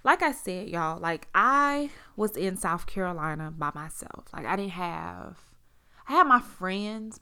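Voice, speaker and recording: A woman with a fairly low, bright, smooth voice and a forceful tone tells a story from her own life. She's blunt and casual, swears heavily, fills pauses often, and voices what people said in raised tones.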